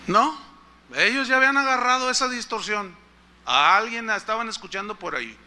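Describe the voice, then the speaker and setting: A male pastor preaches, telling a story and turning to the congregation with questions. His voice sits high for a man and rings sharp and bright. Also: animated, brisk, a little hiss or hum. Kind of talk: sermon.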